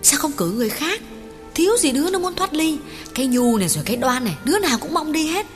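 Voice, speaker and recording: A woman's voice: mid-range voice, big pitch swings, a little fast, faint music behind, natural voice. A woman voicing an anxious young village woman in an audiobook, who protests and pleads. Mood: protesting.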